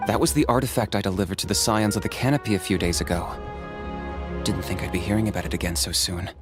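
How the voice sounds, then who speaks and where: An actor playing a cool, shrewd, level-headed man in an anime video game, speaking in a measured, probing way. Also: fairly low pitch, close to an everyday voice. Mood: calm. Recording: music under the voice. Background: game music.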